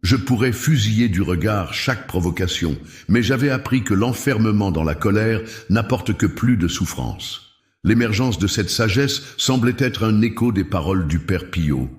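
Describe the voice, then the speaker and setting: A man narrating a dramatic first-person story in a measured, solemn way. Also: fairly low pitch, animated. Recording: roomy echo.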